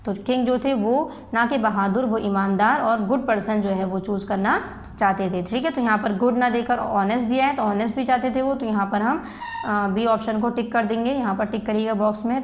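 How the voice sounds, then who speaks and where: A woman school teacher with an Indian English accent, slowly explaining a class exercise in Hindi and spelling English words letter by letter. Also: fairly high pitch, slight background noise.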